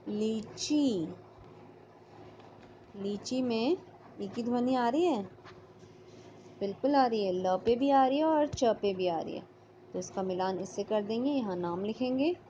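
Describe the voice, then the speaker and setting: A woman's voice: a little high, measured pace, warm tone, a little hiss or hum. A woman teacher going through a workbook lesson, patiently sounding out letters and words. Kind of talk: online class lesson. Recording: slightly dull lo-fi audio.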